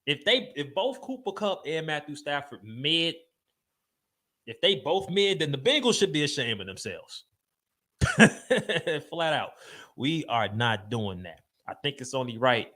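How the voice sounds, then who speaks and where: Stuffy-nosed man, bright sports rant. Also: on the high side, sing-song, unhurried. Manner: loose, emphatic slang-heavy rant with frequent fillers. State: congested, stuffed up with a cold. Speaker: podcast host. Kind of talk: casual sports talk.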